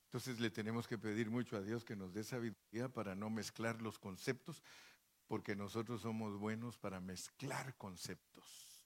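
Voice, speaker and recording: A man's voice: fairly low pitch, steady tone, normal speed. A male pastor preaching a sermon in a folksy, joking way, full of rhetorical questions and asides to the congregation.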